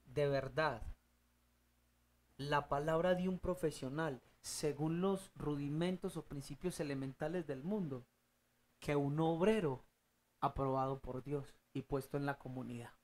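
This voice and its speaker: A Bible teacher leading a study group, emphatic, putting questions to the audience and answering them, with loud rising bursts. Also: medium pitch, a little slow.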